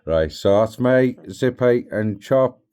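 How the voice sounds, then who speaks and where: A man's voice: mid-range voice, animated, slow, warm tone, smooth. A man talking casually and playfully to his pets, coaxing them with simple, repeated questions. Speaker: pet owner vlogger.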